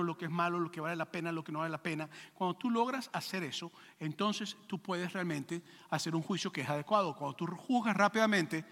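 A male pastor preaching a sermon with lively acted-out quotes and rhetorical questions to the congregation. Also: high-pitched, in a large hall.

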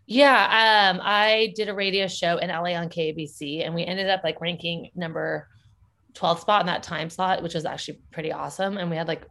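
An upbeat woman guest in a casual remote interview, laughing easily between her points. Her voice sits a little lower than most women's. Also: fairly even intonation, fairly quick, fairly bright tone. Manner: upbeat, laughs often while talking. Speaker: guest, parenting educator and school founder.

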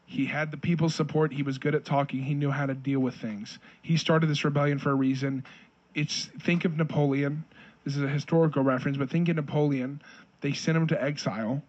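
Husky man reading scripture on a podcast. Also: a little high, flat delivery, brisk, muffled recording. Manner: reads King James verses aloud, then paraphrases them jokingly. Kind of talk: casual Bible reading and discussion.

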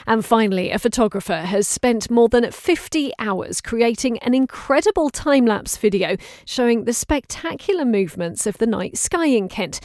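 A woman presenting a local news podcast, reading the bulletin in a brisk, bright manner. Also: a little high, no room sound, clean studio sound.

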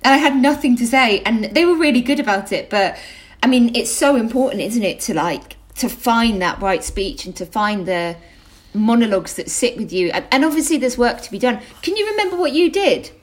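A woman's voice: a little high, lively intonation, fairly quick. Chatty woman podcast host. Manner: chatty and self-mocking. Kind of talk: casual interview chat.

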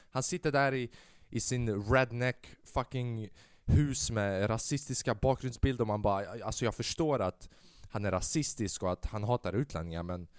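Swearing, self-mocking young podcast host. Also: male voice, mid-range voice, clean tone, no echo, clean studio sound. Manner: rambling, self-mocking, swears a lot, mixes in English. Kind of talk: casual solo podcast monologue.

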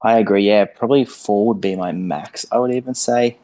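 A man's voice: on the low side, a little fast, dark tone. A man co-hosting a podcast in casual, laid-back, matey sports chat. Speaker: podcast co-host.

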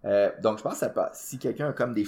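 A man with a Québécois French accent, a powerlifting coach co-hosting a fitness podcast, talks quickly in a lowish, darkish voice. He explains training casually, full of filler words and English gym terms.

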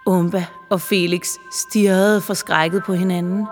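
A woman reading a children's story aloud in a calm, clear storytelling voice. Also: lowish voice, big-room sound, faint music behind. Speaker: narrator. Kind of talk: audiobook narration for children.

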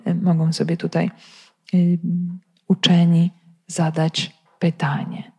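A woman's voice: fairly low pitch, monotone, takes it slowly, a little mellow, slightly rough. A woman giving a spoken Bible commentary, explaining the text and asking many rhetorical questions while addressing her listeners directly. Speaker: Bible teacher.

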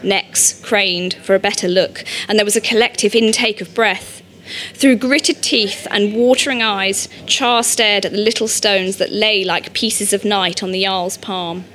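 A woman with a medium-pitched voice narrates an audiobook, telling the story in a steady, measured way.

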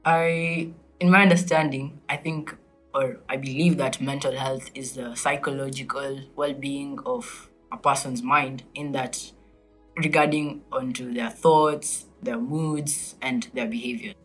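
A man's voice: mid-range voice, fairly even intonation, unhurried, fairly bright tone, slightly rough, faint music behind, rough recording. A teenage boy from Kenya answering interview questions in articulate, formal wording. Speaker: child guest.

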